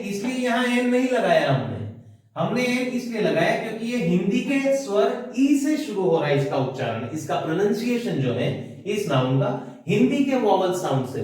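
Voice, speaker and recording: A man with an Indian English accent teaches a grammar lesson at a whiteboard, walking through each point and checking in with the viewer. His voice sits high. He is recorded from a distance in a strongly echoing room. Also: darkish tone. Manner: explains step by step, asks the viewer questions. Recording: very echoey room, voice from off the mic.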